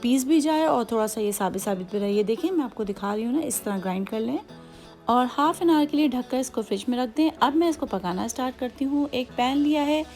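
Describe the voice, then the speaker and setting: A Hyderabadi-accented woman hosts a home cooking tutorial, her voice a touch high and mellow. She talks in a chatty, patient way, explaining each step with many asides. Soft music plays faintly behind her. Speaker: cooking channel host.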